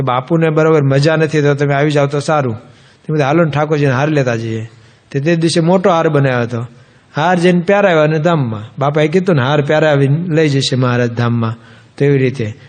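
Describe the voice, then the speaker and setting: A man with a Gujarati accent, a swami giving a humorous sermon, telling anecdotes and quoting others in an animated way. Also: fairly high pitch.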